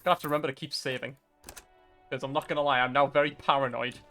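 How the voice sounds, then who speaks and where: A man giving chatty, excitable let's-play commentary, reading game dialogue and joking aside. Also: mid-range voice, fast, soft background music. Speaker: gaming streamer.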